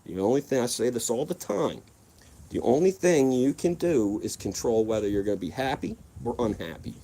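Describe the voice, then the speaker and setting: A man's voice: medium pitch, expressive, normal speed, mellow. A man telling rambling, profane stories in a laid-back, casual vlog monologue. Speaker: vlogger.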